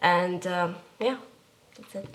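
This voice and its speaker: Speaking slowly in a lowish voice, a young Kurdish woman from Iran talks about her work as a visual artist during a casual studio interview. She hesitates often, reaching for words and leaning on fillers.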